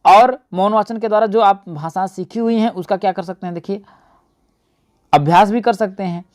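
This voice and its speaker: A man's voice: high-pitched, moderate pace. Hindi-speaking man teaching an exam-prep lesson. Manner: addresses viewers as friends, asks and answers own questions.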